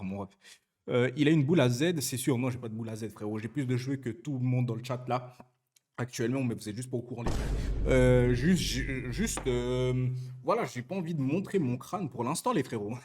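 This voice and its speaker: A young man talks live to his stream chat in a loose, joking way. He reads out viewers' questions, answers with lots of fillers and self-corrections, and his voice sits at an ordinary middle pitch for a man. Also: darkish tone. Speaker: Twitch streamer.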